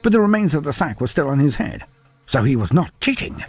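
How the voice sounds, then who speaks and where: Faint music plays beneath a man's dramatic fantasy narration. His slightly husky voice swoops in a highly animated way, and he tells the story deliberately and theatrically.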